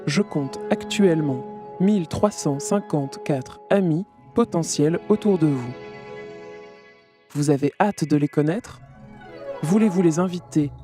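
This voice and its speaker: A performer voicing a friendly virtual assistant AI with a synthetic robot-like sound. It announces things politely and brightly, like a system welcome message. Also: medium pitch, measured pace, soft background music. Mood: cheerful welcoming. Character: cheerful virtual assistant AI of a social network. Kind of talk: audio drama.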